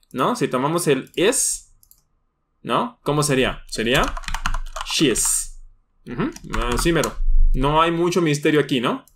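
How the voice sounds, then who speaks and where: Man, slightly high voice, patient step-by-step online English teacher who keeps checking in with his students. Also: a bit bright, a little hiss or hum. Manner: patient, explains step by step with frequent tag questions. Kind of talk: online lesson.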